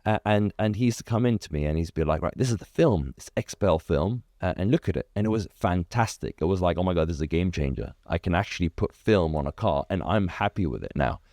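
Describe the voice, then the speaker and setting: A man's voice: deep voice, fast talker, few pauses, no room sound, clean studio sound. A man who grew up in Iraq, a business founder talking in a casual interview and acting out old conversations as he goes. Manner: animated storyteller, acts out quoted dialogue, many restarts. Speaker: car detailing business founder, guest.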